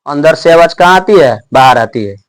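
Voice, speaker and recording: A young man teaching a class in a slightly high voice. He poses a question and then answers it himself, and he drags out each letter as he sounds it. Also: expressive, moderate pace. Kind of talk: classroom lesson.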